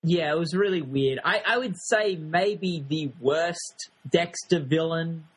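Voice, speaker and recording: A man co-hosts a casual podcast, weighing in with dry criticism. He speaks hesitantly and often restarts his sentences. His voice is husky and a little high. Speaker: podcast co-host. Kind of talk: casual review chat.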